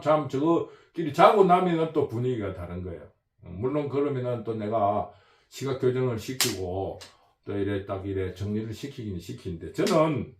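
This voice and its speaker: A man rambles through an opinionated political monologue, circling back and repeating his points with force. His voice sits fairly high and swings widely in pitch. The recording is roomy, with a noticeable echo. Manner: emphatic, repetitive, rambling. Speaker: political commentator.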